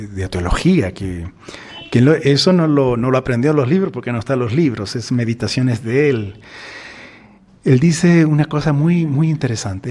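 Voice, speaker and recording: Priest teaching adults, husky voice, mid pitch, chatty and animated. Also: male voice. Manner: conversational, animated storytelling with acted-out quotes. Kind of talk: adult catechism class.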